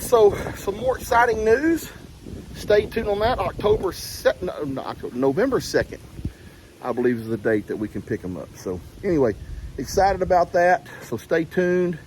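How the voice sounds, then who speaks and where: A man chatting casually to camera on a windy farm, rambling and folksy with plenty of "uh" and "y'all". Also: medium pitch. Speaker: farm vlogger. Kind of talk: casual vlog talking to camera. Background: wind and farm animals.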